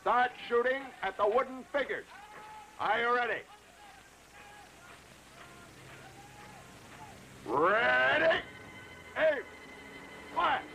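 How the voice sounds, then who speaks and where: A man's voice: very high voice, animated, takes it slowly, creaky, pushed and bright, slight background noise, exaggerated voice, rough recording. An actor playing a bossy male army drill sergeant who barks clipped commands in a dubbed film. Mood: urging. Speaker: drill instructor.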